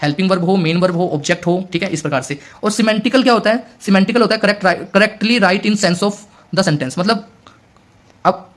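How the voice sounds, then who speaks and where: A man's voice: high-pitched, normal speed, fairly bright tone. A man teaching an exam-prep lecture, explaining in mixed Hindi and English, repeating points and constantly checking in with his students.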